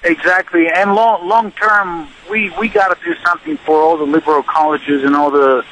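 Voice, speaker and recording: A man's voice: high voice, sing-song, normal speed, gravelly, fairly bright tone, a little hiss or hum, rough recording. A man from Bulgaria calling in to a radio show, speaking earnestly and agreeing with the host. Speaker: caller. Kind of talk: phone-in call.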